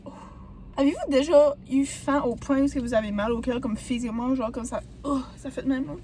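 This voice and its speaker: Fast, high hoarse Québécoise vlogger. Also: female voice, warm tone, a little hiss or hum. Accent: Quebec French. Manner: chatty, rambling, full of fillers. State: hoarse from a sore throat. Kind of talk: casual vlog chat.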